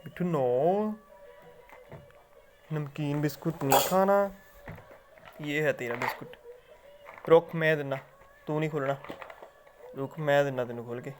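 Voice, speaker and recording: A man's voice: on the high side, measured pace, pauses often, over music. Coaxing man. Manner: coaxing and scolding, repeating short phrases. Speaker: pet owner. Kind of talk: casual talk to a pet parrot.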